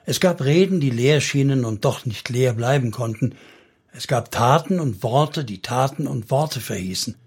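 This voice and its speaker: A man narrating a solemn story in steady, scripted audiobook style. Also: medium pitch, normal speed, slightly rough.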